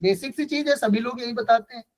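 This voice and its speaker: A man's voice: very high-pitched, a little fast, rough recording. A man teaching a Sanskrit grammar class, explaining step by step and asking the class questions, with a Hindi-speaking North Indian accent. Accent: Hindi-speaking North Indian, from Kanpur area. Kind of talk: online class lecture.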